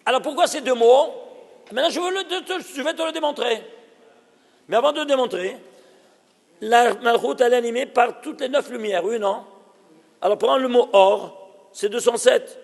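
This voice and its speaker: Man, rabbi giving a lesson, very high voice, gravelly edge, exclaims and quizzes the room. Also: normal speed, long pauses, in a large hall. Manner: animated, exclaiming, asks the audience questions. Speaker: rabbi teaching. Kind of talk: Torah lesson.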